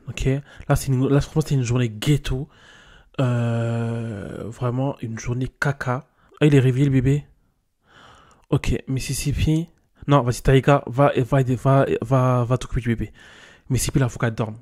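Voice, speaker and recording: A young man giving casual game commentary, animated and talking straight to his game characters with slang. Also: mid-range voice. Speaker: gaming YouTuber.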